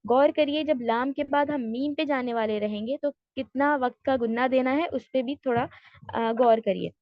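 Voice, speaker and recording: A woman with a high voice leads an online lesson, explaining each point patiently and step by step. Her speech is dry and close, with dull, muffled lo-fi audio. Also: normal speed, no room sound. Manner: patient, explains step by step, mixes English terms. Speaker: Tajweed teacher. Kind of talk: online class lecture.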